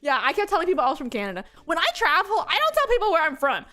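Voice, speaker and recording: A young woman with a notably high voice, chatting on stream in a loose, rambling way and giggling often. Soft music plays faintly behind her. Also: big pitch swings, very fast. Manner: rambling and giggly, with frequent laughs and filler words. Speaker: VTuber streamer. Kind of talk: casual chat stream, storytelling.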